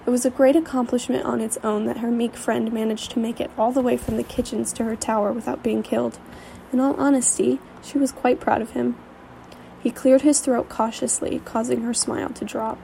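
A woman's voice: a little high, little pitch movement, a little fast, gravelly, mellow, slight background noise, rough recording. A woman reading a fantasy story aloud, with occasional slips and restarts. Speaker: reader. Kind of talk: storybook narration.

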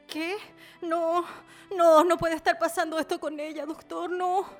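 A woman's voice: very high voice, little pitch movement, unhurried, over music. An actress playing a frantic daughter pleading over her dying mother, in a radio drama. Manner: pleading, tearful, desperate.

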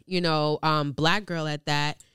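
A woman's voice: deep voice, steady tone, a little slow, a bit bright, smooth, no echo, clean studio sound. A young woman hosting a podcast, talking candidly in slangy casual chat with plenty of swearing, a little congested. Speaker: podcast host.

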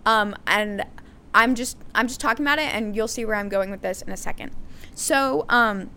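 A woman's voice: on the high side, moderate pace, pushed and bright, a little hiss or hum. Candid chatty woman podcaster. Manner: conversational, sarcastic, many fillers and restarts. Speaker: podcast host. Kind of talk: candid solo podcast monologue.

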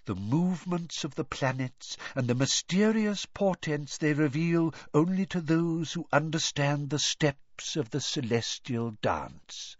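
A man's voice: a little high, lively intonation, no room sound, voice pushed up. A man voicing a mournful older female fortune-teller with a misty, airy voice, in an audiobook. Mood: mystical. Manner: mournful, drawn-out and dramatic. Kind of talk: audiobook character voice. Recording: dull, dry studio recording.

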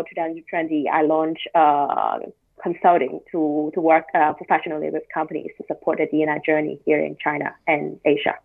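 A woman from Hong Kong, a diversity consultant introducing herself in a hesitant way with many fillers. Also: low voice. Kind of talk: panel introduction. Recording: tinny phone-like line.

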